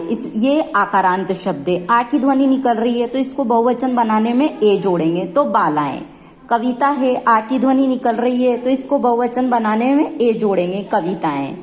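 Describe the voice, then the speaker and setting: A woman teacher giving a grammar lesson, explaining each rule step by step and repeating her examples. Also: fairly high pitch.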